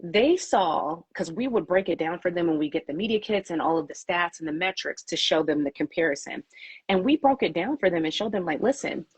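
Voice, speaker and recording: A woman's voice: on the low side, expressive, fairly quick, slightly rough, no echo. A woman publicist answering interview questions, emphatic and repeating her key points.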